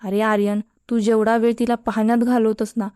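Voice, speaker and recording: A woman's voice: on the high side, little pitch movement, brisk, darkish tone, clean tone, no echo, clean studio sound, lightly acted. A woman voicing a cheeky, joking young male college student with a flippant way of talking. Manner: teasing, flippant.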